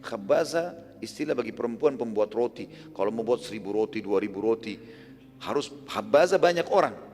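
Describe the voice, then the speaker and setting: A man's voice: fairly low pitch, lively intonation, normal speed, darkish tone. A male preacher retelling a story in a sermon, casual and explanatory, who acts out the quoted lines. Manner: colloquial and explanatory, with casual fillers; acts out quoted speech with raised voice. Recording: long hall reverb.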